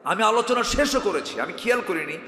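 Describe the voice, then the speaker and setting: Animated male preacher, echoey hall. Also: high voice, fairly quick. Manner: animated, calls on the crowd to answer louder. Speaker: Islamic preacher. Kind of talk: Bengali waz sermon.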